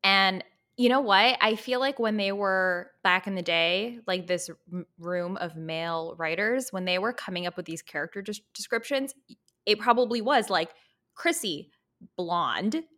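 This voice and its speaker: A woman hosting a podcast, chatting casually and laughing often, sometimes mimicking characters in a high breathy voice. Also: lively intonation, a little slow, bright, forceful tone. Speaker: podcast host. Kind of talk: casual chat.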